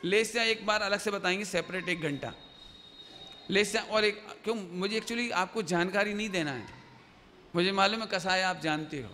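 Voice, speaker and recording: A man's voice: high-pitched, normal speed, bright, forceful tone. A man giving a religious discourse, explaining with everyday examples and quizzing his listeners with questions. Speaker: Jain preacher. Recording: hall reverb, faint noise.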